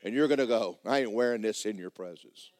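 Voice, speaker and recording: A man preaching a sermon as a church pastor, emphatic and drawn out, sinking low and quiet at the ends of phrases, then leaping into sudden loud outbursts. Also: a little fast, dry recording. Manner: emphatic preaching with swooping pitch and sudden shouts.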